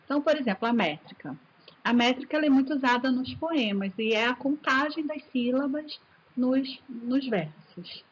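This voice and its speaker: Brazilian woman teacher, chatty and keen, slightly high voice, dull recording with faint hiss. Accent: Brazilian Portuguese. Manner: chatty and enthusiastic, addresses students as "gente". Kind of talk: recorded video lesson.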